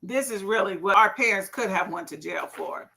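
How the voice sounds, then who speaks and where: A middle-aged woman hosting a casual live stream, telling animated stories and reading viewers' comments aloud with folksy asides. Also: medium pitch, moderate pace, gravelly. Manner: animated storyteller, laughs often, folksy asides. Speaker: livestream host.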